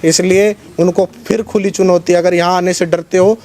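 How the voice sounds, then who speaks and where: A man speaking as a religious organisation's spokesman at a press conference, in a forceful, combative preaching tone. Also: sits high, level tone, moderate pace. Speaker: Arya Samaj spokesman.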